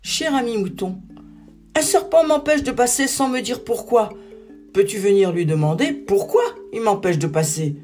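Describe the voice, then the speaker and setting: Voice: medium pitch, lively intonation, moderate pace, a little mellow, soft background music, voice pushed up, natural voice. A narrator voicing a small, hungry salamander who pleads politely for help in a storybook tale. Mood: pleading.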